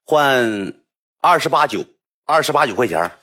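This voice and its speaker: A man with a Northeastern Mandarin accent telling a story casually to livestream viewers, chatty and animated. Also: mid-range voice, unhurried.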